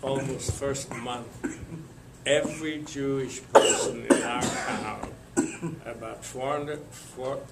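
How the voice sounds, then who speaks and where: Older man, from Lithuania, survivor testimony, slow halting delivery, gravelly, echoey noisy recording. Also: mid-range voice, steady tone. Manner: slow, halting, with many pauses and fillers. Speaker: Holocaust survivor telling his story. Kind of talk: spoken testimony to an audience.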